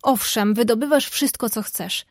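A woman voices a spirited, quick-tempered young woman from a storybook. She talks in a lively, outspoken way. The voice sits fairly high and the recording is dry and close. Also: no echo.

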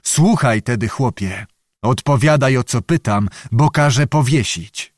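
A man's voice: mid-range voice, a little slow, no room sound, clean studio sound, natural voice. A man voicing a stern, impatient young nobleman officer who questions and threatens in short, commanding sentences.

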